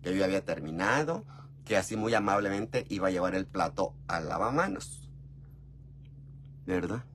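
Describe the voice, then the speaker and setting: A man's voice: moderate pace, pauses often, a little hiss or hum. Chatty Mexican man telling a story. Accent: Mexican Spanish. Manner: chatty and gossipy, often calls the listener "mi amor"; expressive, with big jumps in pitch and volume. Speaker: vlogger. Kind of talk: casual storytelling chat.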